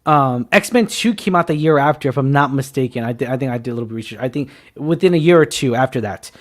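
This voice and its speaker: A man in his twenties hosting a casual movie talk show, excitable and teasing, with loud bursts. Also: medium pitch, quick pace. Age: 20s. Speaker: podcast host. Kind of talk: casual film chat.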